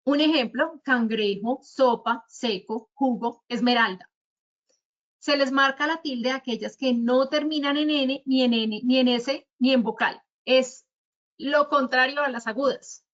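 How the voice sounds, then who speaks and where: A Colombian woman with a high voice teaches spelling rules in an online talk. She works through her examples one by one in a patient, didactic way. The audio sounds somewhat dull, like a web meeting. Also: a little slow, fairly bright tone. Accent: Colombian Spanish. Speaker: speaker at a virtual talk on writing. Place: virtual conference.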